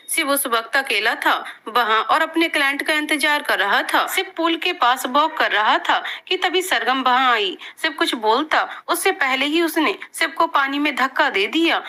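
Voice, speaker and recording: A woman narrating a scripted story with steady, clear storytelling. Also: high-pitched.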